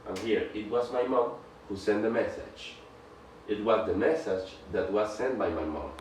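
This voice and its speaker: Male presenter, lower voice, halting grammar lesson delivery, distant mic in a reverberant room. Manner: halting, restarts phrases, reads example sentences aloud. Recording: echoey room, off-mic, faint background noise.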